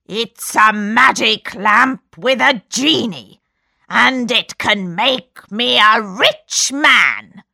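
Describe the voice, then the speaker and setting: A woman voicing a wicked old male magician in disguise, speaking in a sly, drawn-out way. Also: fairly high pitch, creaky, sharp tone, no room sound, studio quality, exaggerated voice.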